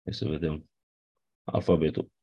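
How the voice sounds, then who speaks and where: Man, teacher, deep voice, a bit husky, patient classroom review. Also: big pitch swings, a little mellow. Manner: patient, checks in with "nu?" and "da?". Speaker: teacher of Ancient Greek.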